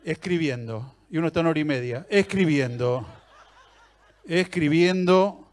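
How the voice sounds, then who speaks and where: Man, Argentine accent, stand-up comedian, teasing, chatty, high voice, live theater show. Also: quick pace. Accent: Argentine Rioplatense Spanish. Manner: teasing, chatty, talks to the audience. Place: theater stage before a live audience.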